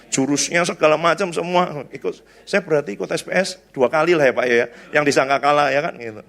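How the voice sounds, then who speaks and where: Guy pastor preaching, kinda high voice, gravelly, chatty storytelling. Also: brisk, a bit bright. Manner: chatty, storytelling, tag questions. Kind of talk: conversational sermon.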